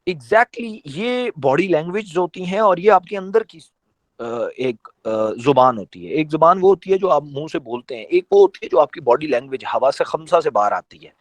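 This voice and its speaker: Man, trainer, motivational training talk, emphatic and conversational, rhetorical questions, fairly high voice, dry close sound. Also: expressive, dry recording. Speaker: network marketing trainer.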